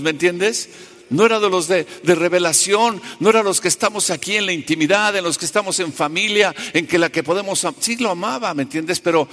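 A male preacher giving a sermon, conversational and animated, who keeps asking the congregation questions. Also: a little high. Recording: long reverb of a large hall.

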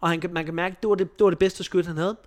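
A man co-hosting a casual podcast, chatting in animated bursts and swearing often. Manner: animated, swears often, jumps up in pitch for emphasis. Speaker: podcast co-host.

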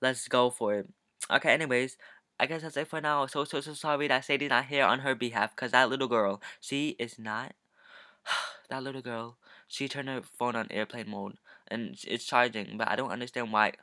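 Teen boy podcast co-host, mid-pitched, sarcastic, dry phone recording in a car. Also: steady tone, moderate pace, sharp tone, no room sound. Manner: sarcastic, teasing. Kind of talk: casual chat. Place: back seat of a car.

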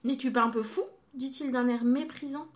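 A woman's voice: sits high, animated, a little slow, a little mellow. Woman doing a snooty birch tree, sneering at the little bird. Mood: scornful. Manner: scornful. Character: scornful haughty birch tree.

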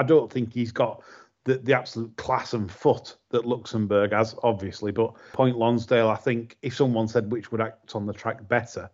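A man hosting a casual podcast chat, talking in animated, exasperated bursts. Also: medium pitch. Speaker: podcast host. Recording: slightly muffled audio.

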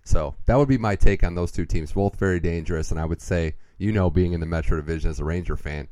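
A man hosting a hockey podcast, giving lively, opinionated takes in casual chat. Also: sits low, fast talker, dry recording.

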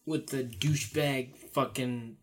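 Man, casual chat, argumentative, persistent, mid pitch. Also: fairly even intonation, slow pace. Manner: argumentative, keeps disagreeing.

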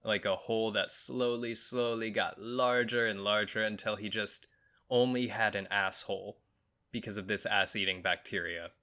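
A man hosting a solo comedy podcast, riffing crudely on strange news with bursts of mock outrage. His voice sits low but comes across bright and forceful. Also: steady tone, normal speed. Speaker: podcast host.

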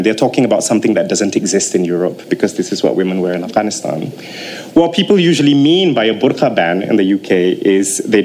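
A man's voice: lowish voice, slight background noise. A man from Malaysia, a researcher telling stories in a public talk and acting out the voices of people he quotes. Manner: lively storyteller, acts out quoted voices.

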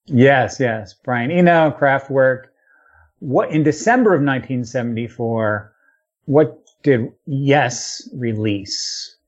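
A man's voice: mid-range voice, slow pace. Podcast host guy reading off a long list, loose and casual, kinda dull lo-fi sound. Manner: rattles off long lists, with fillers and profanity. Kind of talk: casual chat listing albums.

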